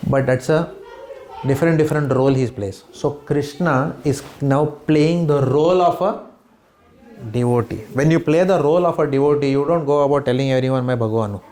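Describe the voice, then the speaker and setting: At normal speed and in a darkish, slightly high voice, an Indian-accented man from Bombay teaches a spiritual home class mixing Hindi and English, his words echoing around the room. He quizzes those listening and keeps asking "hmm?" and "right?"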